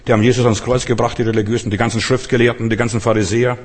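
Racing along in a flat, medium-pitched voice, a man preaches a sermon, earnest and full of repeated phrases aimed straight at his listeners. The recording carries the long reverb of a church hall.

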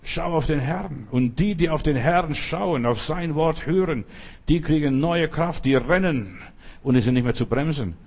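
A man's voice: fairly high pitch, measured pace, darkish tone. Older male preacher, emphatic, repetitive, direct address to the listener. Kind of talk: sermon.

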